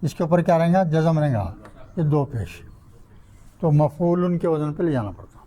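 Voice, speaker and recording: A man's voice: fairly high pitch, lively intonation, mellow, poor audio. An older man from India, teaching a grammar class in a mosque. He quizzes his students and sounds out word patterns syllable by syllable. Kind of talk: classroom lecture.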